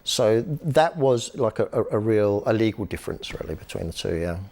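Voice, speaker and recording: A man, an author and activist, explaining history in a relaxed interview, telling stories with lots of ums and restarts. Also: lowish voice, normal speed. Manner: lively storytelling with frequent fillers and restarts. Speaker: author and human rights activist, guest.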